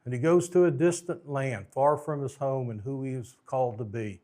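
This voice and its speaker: Man, preacher, folksy storytelling sermon, joking asides, mid-pitched voice. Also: normal speed, warm tone.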